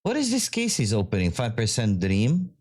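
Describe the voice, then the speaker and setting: A man commentating his own live gaming stream, reacting loudly and swearing often. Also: mid-range voice, huge pitch swings, moderate pace.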